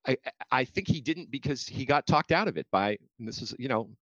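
An American man, a guest in a political debate interview, argues his case and keeps restarting as he rebuts. His mid-range voice is animated and a bit bright, and the dry recording sounds slightly dull and lo-fi.

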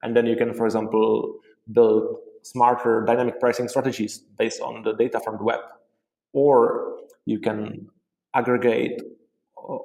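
A man from the Czech Republic speaks with a Czech accent, explaining technical ideas at a steady, mid-range pitch. He leans on "you know" and "uh" as he talks. The recording sounds roomy, with a noticeable echo around him. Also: gravelly. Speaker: guest, software company co-founder. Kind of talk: interview answers.

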